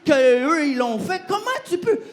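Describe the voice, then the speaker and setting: A man's voice: very high-pitched, slow pace, pitched above the performer's own voice. Man acting out a wailing, hot-tempered prophet. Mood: outraged. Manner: indignant, then wailing dramatically. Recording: roomy hall, faint noise.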